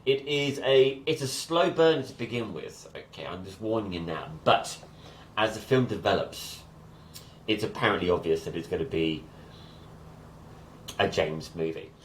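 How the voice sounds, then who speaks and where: A man with a Scottish accent talks about movies with a keen, meandering energy, often doubling back mid-sentence. His voice sits on the low side, and the recording has a roomy echo. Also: animated, normal speed, slight background noise. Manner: enthusiastic, rambling with restarts. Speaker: podcast co-host. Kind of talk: casual chat about films.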